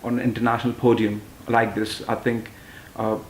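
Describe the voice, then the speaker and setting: A man's voice: on the low side, flat delivery, normal speed, roomy sound, slight background noise, poor audio. A man in his twenties from London, a pageant titleholder and model, answering interview questions hesitantly with many fillers and restarts. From London, England. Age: 20s.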